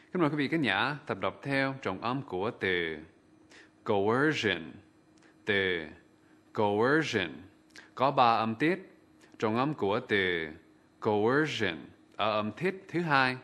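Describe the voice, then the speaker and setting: A man's voice: medium pitch, bright, forceful tone. A man guiding viewers through pronunciation drills with polite, formal scripted narration. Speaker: pronunciation presenter.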